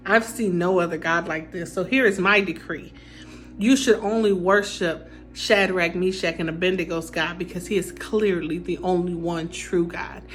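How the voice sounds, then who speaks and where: A woman voicing a proud, quick-tempered king who talks in casual modern slang. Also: fairly low pitch, steady tone, soft background music, close to an everyday voice, rough recording. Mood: awed. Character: proud, easily angered male king.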